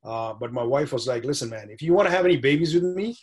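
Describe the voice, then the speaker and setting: A man talking casually as a podcast guest, an animated storyteller who laughs often. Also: mid-range voice, quick pace, husky. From Dubai. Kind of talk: casual interview chat.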